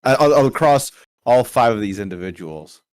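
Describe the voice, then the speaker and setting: A man's voice: mid-range voice, animated, moderate pace, clear, resonant tone, no echo. A man playing a tabletop game, describing his actions hesitantly with many fillers. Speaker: player. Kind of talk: casual tabletop role-play.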